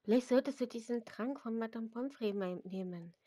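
A woman's voice: a little high, normal speed, dry recording, studio quality, lightly acted. Woman reading as an eager teenage girlfriend. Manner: pushy and excited, pleading. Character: caring, eager teenage girl friend.

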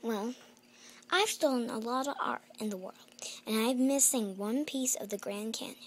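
A woman's voice: a little high, moderate pace, slight background noise, close to an everyday voice. A woman voicing a boastful, scheming female art thief who gloats and cackles in a playful doll-mystery story. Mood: gloating.

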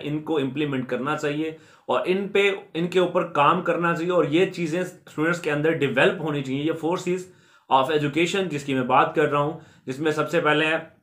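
A man with a somewhat high-pitched voice gives an earnest explanatory talk to his viewers. He repeats his points, restates them in new words, and drops English terms into his sentences. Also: fairly bright tone. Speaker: YouTube education channel host.

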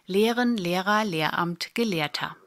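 A woman explains spelling rules at an unhurried, deliberate pace. Her voice sits at an ordinary middle pitch. She stays patient and clear, with the occasional dry aside. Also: fairly bright tone. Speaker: German spelling tutor. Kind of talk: slow explanatory lesson.

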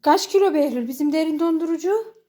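A woman with a high, mellow voice vlogs from home, talking fairly quickly and casually as she works. She narrates her tasks and slips in short prayers.

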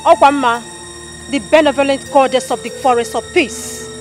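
Serene benevolent goddess, played by a woman, Nigerian accent, high pitch, measured solemn delivery, film drama, light music. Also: lightly acted.

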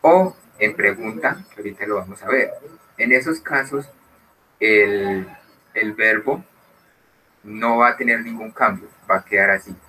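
Male teacher, bright lowish voice, slow and patient, mic a bit far off. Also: a little hiss or hum. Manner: explains slowly, mixes Spanish and English, keeps asking "¿cierto?". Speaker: English teacher. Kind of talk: recorded online grammar lesson.

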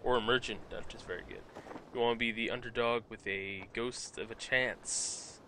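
Speaking at a moderate pace in a steady, medium-pitched voice that is pushed and bright, a let's play commentator jokes casually about the video game he's playing. He reads game text in silly voices, and there's a little hiss or hum along with the game music.

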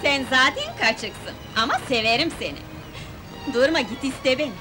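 A sassy, shrill flower seller. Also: female voice, very animated, moderate pace. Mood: flirty. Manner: sharp-tongued, teasing. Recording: old film soundtrack with music.

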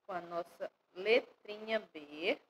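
A woman with a Brazilian Portuguese accent teaching first graders online, sounding out syllables slowly and stressing them loudly. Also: fairly low pitch, a little hiss or hum, rough recording. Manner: slow, stresses syllables loudly when spelling. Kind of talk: online lesson for young children. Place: home or classroom, recorded for an online class.

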